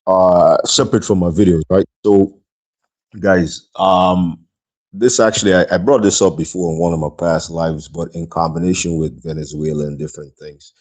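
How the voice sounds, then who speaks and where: Guyanese guy hosting his podcast solo, deep mellow voice, lots of um and right, just rambling along. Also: fairly even intonation, moderate pace. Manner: rambling, conversational, frequent fillers and asides to viewers. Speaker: podcast host. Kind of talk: casual solo podcast monologue.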